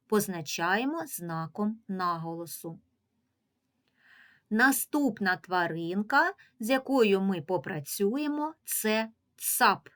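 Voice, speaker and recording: A woman teacher giving an early reading lesson to young children, patiently sounding out syllables and single sounds. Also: medium pitch.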